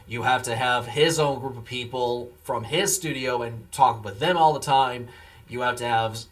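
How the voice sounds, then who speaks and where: Worn out after a long day, this streamer drifts through an easygoing, meandering chat, responding to messages from his viewers. He has a medium-pitched, slightly bright male voice.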